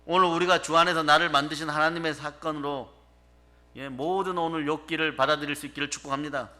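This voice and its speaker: A male pastor delivers a sermon with a very bright, forceful tone. His pitch sits a little high, and he keeps turning to the congregation to drive his points home. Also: fairly even intonation, fast talker. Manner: emphatic preaching, calls out to the congregation.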